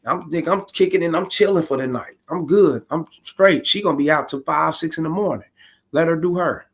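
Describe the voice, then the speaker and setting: A man's voice: fairly high pitch, brisk, fairly bright tone. A man in his forties giving blunt, profane, rambling street-style commentary on a stream. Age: 40s. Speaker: streamer reacting to a video.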